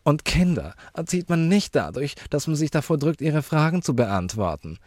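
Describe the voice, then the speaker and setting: A man voicing a prim, prissy widow lady in a high, affected, preachy voice in a storybook reading. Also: sing-song, normal speed, darkish tone, dry recording, studio quality.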